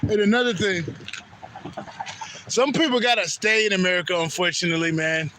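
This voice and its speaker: High, bright-voiced man rambling profanely. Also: a little fast, a little hiss or hum. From Haiti. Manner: rambling, profane, repeats himself. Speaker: spiritual vlogger. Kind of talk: casual spiritual monologue.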